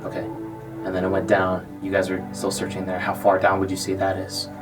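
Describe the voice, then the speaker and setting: A man's voice: sits low, monotone, brisk. Distant male game player over music. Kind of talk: casual in-game chat. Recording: distant mic, music behind.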